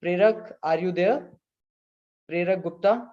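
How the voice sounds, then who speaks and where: A man with an Indian accent moderating an online presentation as host, in a halting way. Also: sits high. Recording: dull, lo-fi video call audio.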